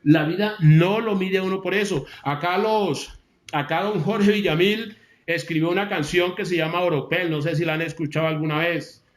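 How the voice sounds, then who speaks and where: A man delivering a motivational talk in a high, emphatic voice. He hammers on key phrases, repeating them and slowing down to let them land. The sound carries a noticeable room echo. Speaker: motivational speaker.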